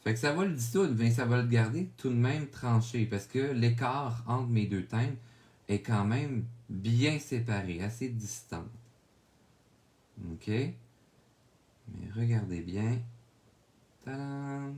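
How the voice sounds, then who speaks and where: A man with a Québécois French accent narrating a drawing tutorial, calmly explaining each step and often checking in with viewers. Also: mid-range voice, slow pace. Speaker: drawing instructor.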